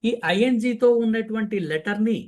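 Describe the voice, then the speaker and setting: A man teaching spoken English, who repeats each sound several times and answers his own questions. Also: high voice. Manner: drills sounds by repeating them slowly and with emphasis; asks questions and then answers them himself. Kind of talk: language lesson.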